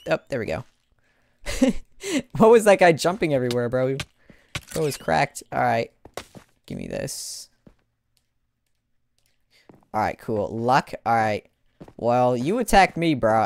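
A man casually commentating a live gaming stream, excitable, exclaiming and laughing as he plays. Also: mid-range voice, creaky, slight background noise. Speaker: gaming livestreamer.

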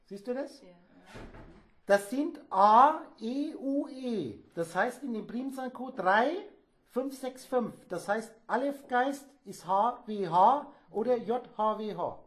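A man's voice: very high-pitched, animated, slow pace. A man giving a spontaneous, rambling lecture to a small audience, emphatic and digressive. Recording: echoey room.

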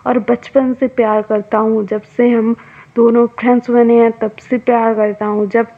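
A woman's voice: fairly high pitch, flat delivery, normal speed. A woman voicing an emotional young man confessing love to his lifelong friend, insistent and heartfelt. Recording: tinny phone-like audio.

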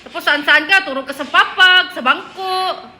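Woman vlogger, high voice, playful teasing chatter, noisy phone recording. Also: moderate pace, pushed and bright. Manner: playful, teasing, laughs often. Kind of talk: casual teasing house-tour chat.

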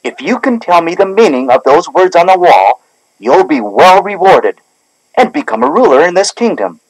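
A man's voice: fairly high pitch, big pitch swings, normal speed, no echo, rough recording. A foolish young king. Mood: commanding. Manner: proclaiming, theatrical. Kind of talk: 1970s storybook record drama.

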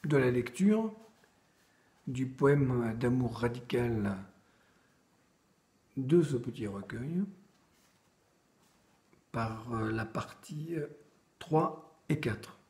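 A middle-aged to older man reading poetry aloud in a deliberate way, in short phrases with pauses between them. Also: mid-range voice, expressive, darkish tone. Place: indoors, room in a home.

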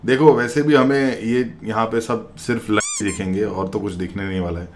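A man's voice: fairly low pitch, steady tone, normal speed, a little hiss or hum. A man from Gujarat, a comedian, bantering and teasing strangers on a video chat, laughing often and speaking English with an Indian accent. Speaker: comedian host chatting with strangers.

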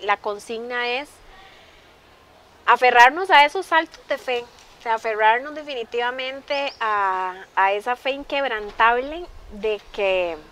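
A woman's voice: fairly high pitch, fairly bright tone, a little hiss or hum. A woman hosting a television interview show, asking questions and giving encouraging, motivational words straight to the viewers. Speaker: TV show host.

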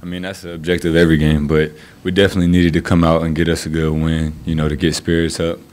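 A young man, a college basketball player, answering postgame press questions in a low-key way with lots of fillers, seated at a table mic in a press room. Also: little pitch movement, fast, darkish tone. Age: young adult.

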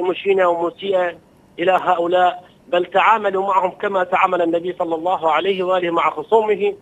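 A man, a religious scholar, preaches in quick, fluent bursts with a high-set voice. He answers an interviewer, building his points with emphasis. The sound comes through dull and lo-fi. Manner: fluent, quoting and retelling stories with emphasis.

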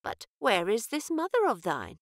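A woman's voice: fairly high pitch, huge pitch swings, normal speed, no echo, clean studio sound, pitched above the performer's own voice. Old Puritan minister, grandfatherly and solemn, voiced by a woman reader. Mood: questioning. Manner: archaic, questioning, solemn.

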